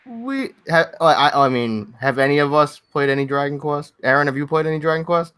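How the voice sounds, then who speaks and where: A man's voice: on the high side, expressive, fairly quick, fairly bright tone, clear, resonant tone, dry recording. Chatty young man hosting a podcast. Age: young adult. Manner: loose and chatty, often restarting sentences. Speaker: podcast host. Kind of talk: casual gaming podcast chat.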